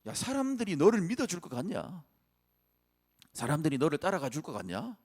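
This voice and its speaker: A man voicing the personified fear as a sneering male taunter that belittles its listener, raised in pitch. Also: huge pitch swings, a little fast, a little mellow, husky, full character voice. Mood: taunting.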